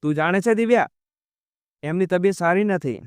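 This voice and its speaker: A devoted grown son who speaks calmly and patiently , voiced by a man reading the story. His voice is fairly high for a man, smooth and clear, and recorded dry and close. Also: normal speed, no echo, natural voice. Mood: calm rebuke. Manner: gentle, patient.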